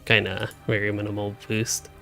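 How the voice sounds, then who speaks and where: This young gaming streamer, hiccuping, rambles casually over his gameplay, thinking out loud from a home room into a desk microphone. His lowish voice is monotone, creaky, bright and forceful, at normal speed. Faint music sits behind him.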